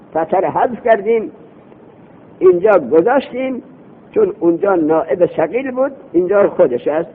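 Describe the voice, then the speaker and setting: A man teaching an Arabic grammar lesson as a seminary teacher, questioning his student and answering himself, slowing down to recite phrases. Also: high voice, slightly rough. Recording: phone-like lo-fi recording.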